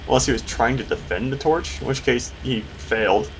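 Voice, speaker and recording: A man's voice: medium pitch, moderate pace, poor audio. A man giving casual, wry, explanatory commentary while playing a video game. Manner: wry, explanatory, lightly joking. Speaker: gamer host. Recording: clear game noise behind. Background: video game sound effects, vehicle noise.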